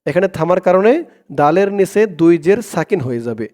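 A man with a Bangladeshi accent teaching Quran recitation, spelling out Arabic syllable by syllable and chanting the phrases in long drawn-out tones. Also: high-pitched, lively intonation, darkish tone. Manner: slow, drawn-out chanting of the Arabic phrases, plain spoken explanations.

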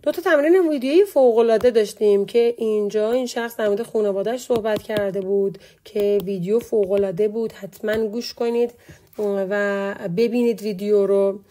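Warm-voiced woman teaching a language. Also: mid-range voice. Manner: explains slowly, repeating words and translations. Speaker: Turkish teacher. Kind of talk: online language lesson, reading a word list.

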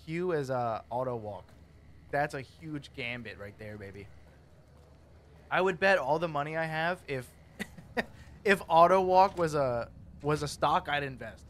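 A man's voice: on the high side, lively intonation, measured pace, pauses often, a bit bright, slight background noise. A man casually commenting while he plays a game, joking, rambling and talking to the characters. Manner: goofy, rambling, jokey, talks to characters. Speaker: gaming streamer.

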